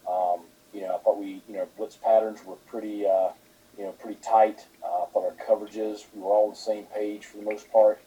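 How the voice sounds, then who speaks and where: A man, a football head coach, answering questions at a press conference in a halting way, with many fillers. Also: lowish voice, level tone, mellow, husky, dull audio.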